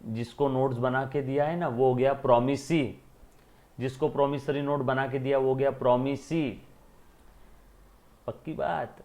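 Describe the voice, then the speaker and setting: A man's voice: medium pitch, fairly even intonation, measured pace, long pauses, darkish tone. Man teaching class, asks and answers. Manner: repeats questions and answers them himself, calls students beta. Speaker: accounting teacher. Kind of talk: classroom lecture.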